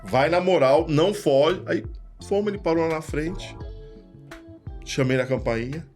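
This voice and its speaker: A man's voice: on the high side, measured pace, faint music behind. A man with a São Paulo accent telling stories casually, acting out the people he quotes. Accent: São Paulo Portuguese. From Brazil. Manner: animated, acts out quoted voices. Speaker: podcast guest, retired police lieutenant. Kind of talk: casual storytelling.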